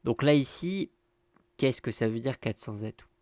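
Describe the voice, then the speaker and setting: A man's voice: medium pitch, lively intonation, normal speed, a little mellow, dry recording. A man hosting his own channel, explaining bidding in a casual lesson, talking in a loose conversational way with many fillers and repeated "so here" phrases. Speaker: bridge teacher and channel host.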